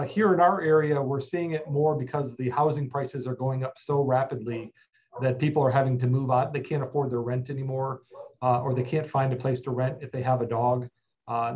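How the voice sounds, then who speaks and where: On a video call from a plain-walled office, a man in his forties representing an animal shelter walks through its services at a steady pace, with many filler sounds. He has a medium-pitched, darkish voice, and the audio sounds dull.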